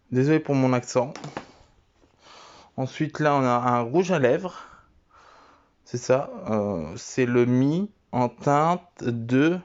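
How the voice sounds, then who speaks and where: Slow, halting young man, lo-fi recording. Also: mid-range voice, clean tone. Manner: halting, many fillers and restarts. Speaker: vlogger. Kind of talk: casual show-and-tell.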